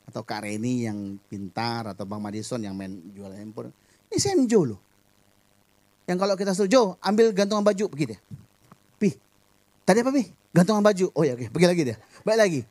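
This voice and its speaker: A middle-aged man preaching a sermon as pastor, telling family stories with humor and lively acted-out dialogue. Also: mid-range voice, fast talker, hardly any pauses. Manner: animated storytelling with humor.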